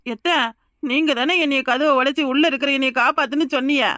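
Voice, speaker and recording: A young village wife from Kanyakumari, talking quickly and insistently in a high voice. The cartoon voice is close and dry, with no room around it. Her manner is pressing. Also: steady tone, a bit bright, dry recording. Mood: urgent. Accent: Kanyakumari Tamil. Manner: rapid, insistent, pleading. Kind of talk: cartoon voice acting.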